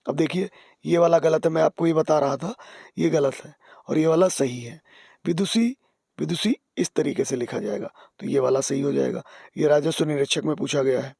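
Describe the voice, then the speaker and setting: A man teaching exam spelling, patient, repeating key words and dropping to soft asides. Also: fairly high pitch, moderate pace, gravelly, slightly rough, dry recording, studio quality. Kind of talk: explaining spelling on screen.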